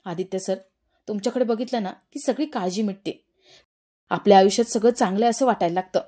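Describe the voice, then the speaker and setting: A woman's voice: mid-range voice, quick pace, mellow, lightly acted. A woman reading the part of a young village woman, earnest and respectful, trusting the man she addresses.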